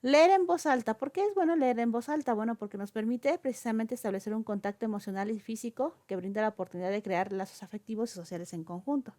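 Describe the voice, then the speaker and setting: A woman's voice: on the high side, fast talker, hardly any pauses, dark tone. A woman lecturing on oral communication, explaining step by step with frequent fillers and checking questions. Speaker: teacher.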